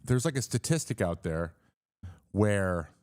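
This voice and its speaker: A man's voice: fairly low pitch, sing-song, a little slow, a little mellow, no room sound, studio quality. A man in his thirties hosting a casual sports live stream, rambling with fillers and restarts and greeting viewers in the chat.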